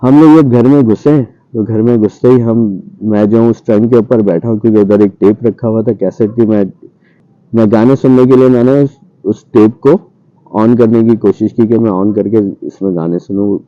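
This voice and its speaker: A man's voice: lowish voice, moderate pace, no room sound. A man casually recounting a scary night from his past, acting out what he and his cousin said. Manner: animated retelling, acting out his own past lines. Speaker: storyteller guest. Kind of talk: casual spoken ghost story. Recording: dull muffled radio-style audio.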